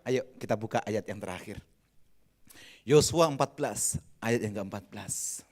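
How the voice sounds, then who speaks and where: A middle-aged man with a Javanese accent preaching a lively, joking sermon, swinging from loud bursts to soft whispers. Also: lowish voice, moderate pace. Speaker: pastor.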